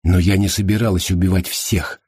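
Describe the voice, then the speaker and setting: Defiant young woman, read by a man, quiet, low, husky. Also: steady tone, a little fast, no room sound, clean studio sound.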